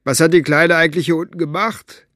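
A man's voice: a little high, fairly even intonation, fairly quick, pushed and bright, no room sound, clean studio sound, pitched above the performer's own voice. A man voicing a coarse, smug male henchman who mocks and gloats. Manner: gloating, sneering, grunting.

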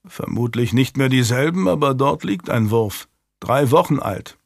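Brief: gallant nobleman with a wry, kindly tone, as an audiobook narrator gives him, mid pitch, dry sound. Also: animated, moderate pace, creaky, no room sound. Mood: gentle. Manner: gallant and gently teasing. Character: young noble earl, courteous and wry.

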